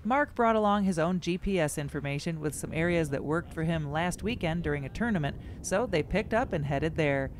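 Woman host, scripted voice-over, bright and even, some noise underneath. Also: sits low, brisk, hardly any pauses. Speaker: show host.

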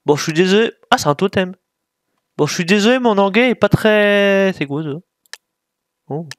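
A man's voice: sits high, animated, normal speed, no echo. A man giving casual gameplay commentary, thinking aloud while he plays and mocking himself with frequent apologies. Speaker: gaming YouTuber.

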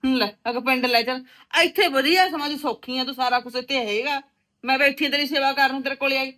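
A middle-aged woman playing a meddling, outspoken mother visiting her married daughter, talking in a stubborn, sharp-tongued way. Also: sits high, fairly even intonation, quick pace. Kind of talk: rural village drama acting.

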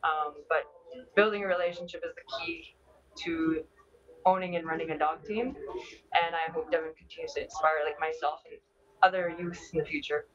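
A woman's voice: low voice, steady tone, moderate pace, crowd noise. A young woman answering interview questions conversationally, hesitant and often repeating her words. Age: young adult. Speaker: interview guest, dog team owner. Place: large busy indoor meeting hall. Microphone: video call. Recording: muffled video call, distant microphone.

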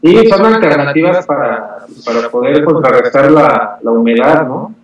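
Relaxed man on a video call. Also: mid-range voice, moderate pace, echoey room, muffled recording. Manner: relaxed, short agreeable replies. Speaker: guest, racket shop owner. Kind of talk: casual chat interview. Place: indoor shop with rackets on the wall. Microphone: webcam on a video call.

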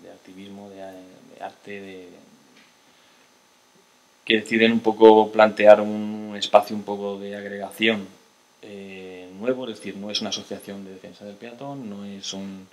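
A man's voice: on the low side, little pitch movement, a little slow, a little mellow. A man, lecturing from a table in a lecture hall, hesitant, with restarts and tag questions. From Spain. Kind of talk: lecture to an audience. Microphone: table mic on a stand.

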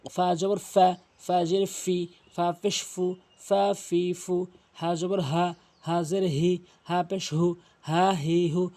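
Guy teaching quran reading, high voice, slow repetitive drills. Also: little pitch movement, warm tone. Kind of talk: drilling Arabic letter sounds.

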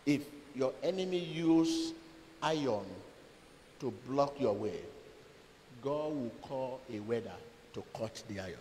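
A middle-aged man preaching to a seated congregation in a large church hall, speaking slowly and emphatically into a handheld microphone, with dramatic swings in loudness and long pauses between phrases. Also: mid-range voice. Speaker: pastor. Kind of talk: sermon. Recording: long hall reverb, faint room noise.

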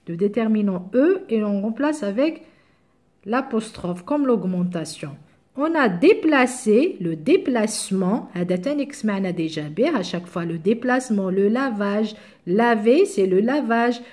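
Algerian teacher with a lively voice. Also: female voice, fairly high pitch. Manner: explains step by step with many examples, switching between French and Arabic. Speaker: French teacher. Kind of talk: grammar review lesson mixing French and Algerian Arabic.

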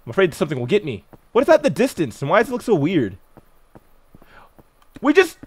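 A man hosting a horror game let's-play, talking to the game and swinging between hushed and loud reactions. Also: on the high side. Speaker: gaming video host.

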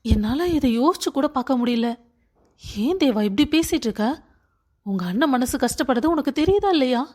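A woman voicing a sister-in-law in a cartoon story, scolding and sharp in tone. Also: high-pitched, expressive, fairly quick. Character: sister-in-law, scolding and defending her husband. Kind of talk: cartoon voice acting.

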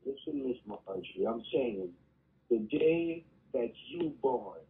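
A man on a phone line making a persuasive, insistent pitch in repetitive, non-native phrasing. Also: animated, slow pace. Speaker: phone scammer. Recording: tinny, narrow phone line.

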